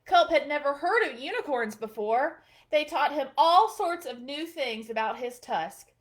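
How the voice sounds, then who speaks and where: At bedtime, a woman who works as a children's librarian reads a picture book aloud, gentle and expressive in her storytelling. Her voice is high and her pace measured.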